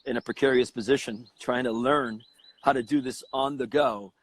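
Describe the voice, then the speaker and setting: A man's voice: medium pitch, steady tone, normal speed, slightly rough. A man from Cuba, a cigar company president, talking as an interview guest in a confident, persuasive way.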